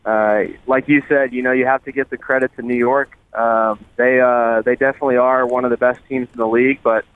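A man's voice: mid-range voice, flat delivery, a little fast, clean tone, no room sound. Man on speakerphone from his car. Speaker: guest player. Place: driving in a car. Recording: tinny phone line.

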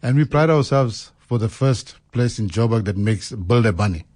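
A man's voice: medium pitch, animated, normal speed, a little mellow. Guy, restaurant owner chatting on radio, explains stuff plainly. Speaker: restaurant co-owner, interview guest. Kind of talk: informal radio interview.

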